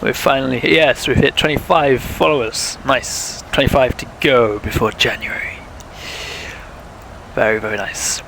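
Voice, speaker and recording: A man's voice: mid-range voice, steady tone, a little slow, creaky, fairly bright tone, a little hiss or hum, poor audio. A young man, chatting casually while streaming a flight sim, thinking aloud and talking to viewers, with a sore throat. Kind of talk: casual live-stream commentary.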